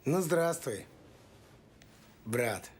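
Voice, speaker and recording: An actor playing a young man in a film, speaking in clipped, quiet lines. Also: mid-range voice, lively intonation, drawn-out words. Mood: terse. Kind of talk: film dialogue.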